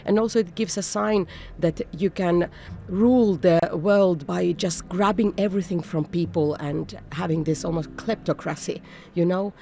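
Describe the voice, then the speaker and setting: Gravelly woman conductor. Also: on the low side, moderate pace, dark tone, a little hiss or hum. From Finland. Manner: thoughtful, searching for words with frequent fillers. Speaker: orchestra conductor. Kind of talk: intermission interview answers.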